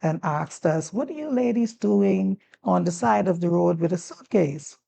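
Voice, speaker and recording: Gravelly and husky, with fairly low pitch and a moderate pace, this Turks and Caicos woman in her sixties speaks in her native accent as a talk-show guest. Once a teacher and district commissioner, she tells stories in a relaxed conversation, animatedly performing the quoted lines.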